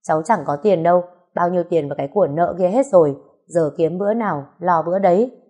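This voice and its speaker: A woman's voice: lowish voice, fast, warm tone, natural voice. A woman reading the part of a candid, plain-spoken young woman who has no money.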